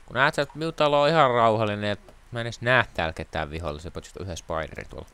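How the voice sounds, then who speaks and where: Deep-voiced joking let's play host. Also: male voice, sharp tone, clean tone. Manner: joking, sarcastic banter. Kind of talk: casual gaming chat.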